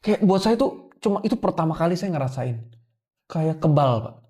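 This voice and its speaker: In a warm, fairly high voice that is animated and moderately paced, a young man tells his interviewer about something painful he went through. He often uses the respectful "Pak," or sir, for the host while telling his emotional story.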